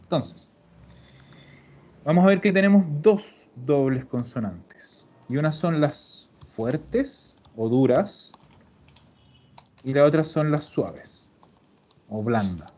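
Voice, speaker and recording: Man, patient teacher, unhurried delivery, lo-fi video call sound. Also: a little high, animated, warm tone. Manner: slow, patient explaining, addresses students formally. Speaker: Italian teacher. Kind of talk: online class lesson. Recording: dull lo-fi video call audio.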